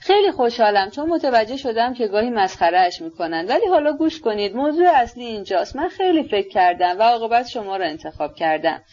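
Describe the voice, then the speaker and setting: A headstrong, proud young woman pours out her words with defiant emphasis, as a female reader puts her on. Her voice sits fairly high, and the lo-fi recording leaves it somewhat dull. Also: very animated, hardly any pauses, darkish tone. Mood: fervent, defiant.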